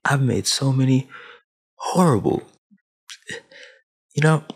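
His voice is a low, husky rasp with lively swings, and he paces himself slowly. This vlogger, a man in his twenties from Sudan raised in Saudi Arabia, delivers an emphatic motivational rant to camera with hand gestures and a preachy big-brother manner. The setting is a small, dim room at home, gaming chair at his back, recorded on a headset with a boom mic.

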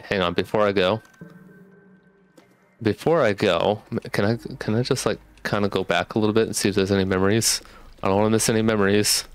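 Low-voiced young man wearing a retainer, slightly sick. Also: clean tone, no room sound. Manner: talking with retainers in his mouth, slightly off articulation. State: getting over a sickness with a cough. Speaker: gaming streamer. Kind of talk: casual let's play commentary. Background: game music.

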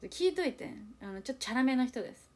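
A young woman chats on a livestream with a fairly high, very animated voice. She talks quickly and keeps dipping into changed voices to act out small quoted moments, while running herself down in a confiding, chatty way. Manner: self-deprecating, chatty and confiding. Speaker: idol group member streaming live. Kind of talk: casual livestream chat reading viewer comments.

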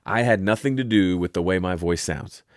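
A man with a deep, resonant voice hosting an audio software tutorial in a relaxed, chatty way. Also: moderate pace, dry recording, studio quality. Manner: relaxed, chatty, self-interrupting. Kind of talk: casual spoken tutorial.

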